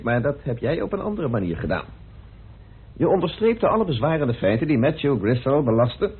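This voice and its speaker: In a Dutch radio play, a methodical detective confronts his suspects, pressing on insistently with deliberate, theatrical pauses and an accusing tone. His very husky voice ranges freely in pitch. The old recording sounds muffled and phone-like.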